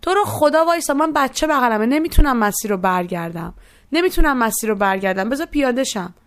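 A woman's voice: medium pitch, a little mellow, dry recording, studio quality, close to an everyday voice. A woman voicing a poor, tired young mother who pleads and explains her hardship. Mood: pleading.

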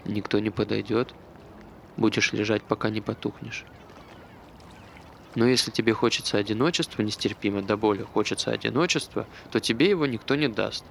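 An actor with a lowish, fairly bright voice and vocal fry talks fairly quickly in naturalistic stage dialogue, playing an anxious, self-deprecating man recounting his failed suicide. He speaks hesitantly and earnestly, with an earnest, wry mood, over faint background noise.

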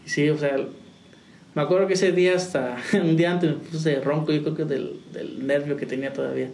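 A man's voice: a little high, fairly even intonation, fairly quick, vocal fry, a little mellow. A young man, a musician, telling his story in a rambling, casual way with restarts and laughs. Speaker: musician guest. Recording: roomy, distant, faint noise.

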